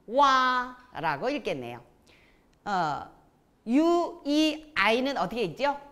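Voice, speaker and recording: A woman's voice: a little high, big pitch swings, slow, fairly bright tone. A woman teaching a pronunciation lesson, calling out sounds and cues for students to repeat. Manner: calls out drills with cues to repeat. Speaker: Chinese language teacher.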